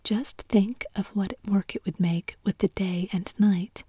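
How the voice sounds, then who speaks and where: A woman's voice: medium pitch, steady tone, a little slow, dark tone, breathy edge, no echo. A woman whispering the lines of a polite, curious young girl in a storybook. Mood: earnest. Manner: polite and earnest.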